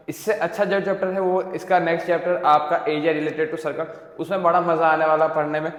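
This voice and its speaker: A young man teaching math in a casual lecture, often asking a question and answering it himself. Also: on the high side. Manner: repeats questions and answers them himself, keeps checking in with "theek hai". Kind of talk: casual Hindi-English lecture to students. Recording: echoey room with long reverb.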